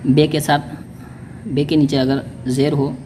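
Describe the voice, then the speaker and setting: A man teaching how to read Urdu letters, sounding out each one slowly and patiently, often checking in with "okay". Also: fairly high pitch, little pitch movement, a little mellow, slight background noise. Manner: repeats "ठीक है" to check understanding. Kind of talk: spoken lesson on reading Urdu letters.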